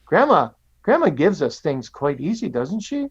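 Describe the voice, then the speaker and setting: A sneaky little girl from a children's story, played by a man telling it coaxes her sister in a soft, pleading voice. The pitch rises high on her questions. The sound is a bit muffled. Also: very animated, moderate pace, slightly rough, heavily acted. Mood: coaxing.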